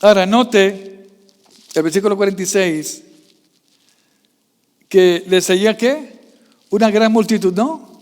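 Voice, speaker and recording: A male pastor preaching a sermon, quizzing the congregation with constant questions and swinging from soft asides to loud raised passages. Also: high-pitched, unhurried, pauses often, long reverb tail. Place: church.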